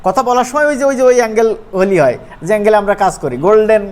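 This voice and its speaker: An animation course instructor with a regional Bangladeshi Bengali accent runs an informal live software tutorial, frequently checking in with questions. The voice is medium-pitched and a little mellow and smooth, swinging widely in pitch and delivered rapid-fire.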